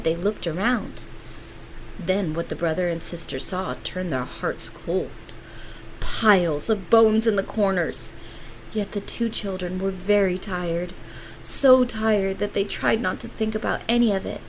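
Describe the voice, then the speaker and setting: A woman reading a children's storybook aloud with expressive, animated delivery. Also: fairly low pitch, a little hiss or hum, rough recording.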